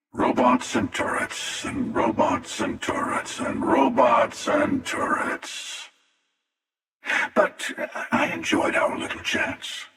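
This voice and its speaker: A man voicing a smug, menacing, world-weary hunter from a video game, with a breathy rasp and sardonic, deliberate delivery. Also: mid-range voice, fairly bright tone, exaggerated voice. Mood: wry, bored. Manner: sardonic, deliberate, drawling taunts. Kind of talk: video game character voice acting. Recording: echoing, long reverb, distant.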